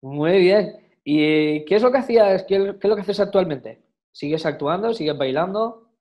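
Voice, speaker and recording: A man's voice: high voice, animated, normal speed, lo-fi sound. A man in his thirties hosting an interview over a video call, asking short questions and backing the guest with frequent murmurs of assent. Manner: brief questions, frequent "ujú" backchannel.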